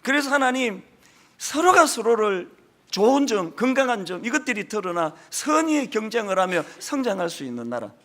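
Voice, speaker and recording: A high, sing-song male voice at a moderate pace belongs to a middle-aged senior pastor from Gyeongsang, South Korea, whose strong regional accent colors his Sunday sermon. He is emphatic, rising to forceful peaks and adding folksy asides along the way.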